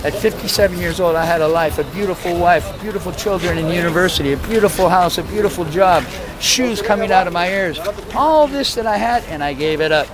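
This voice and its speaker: A man in his sixties from the US, telling his story outdoors in an unhurried, rambling way with many fillers. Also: high voice, a crowd in the background, poor audio. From USA. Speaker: interviewee, street vendor. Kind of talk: casual storytelling interview. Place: outdoors on a town street. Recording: travel video with loud music bed. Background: loud background music.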